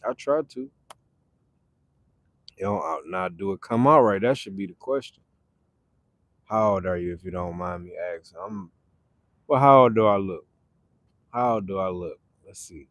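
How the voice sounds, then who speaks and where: In a relaxed live chat with viewers, a livestream host with a lowish, somewhat mellow voice reads their comments aloud and responds, often repeating phrases. The audio is clean studio quality with no echo.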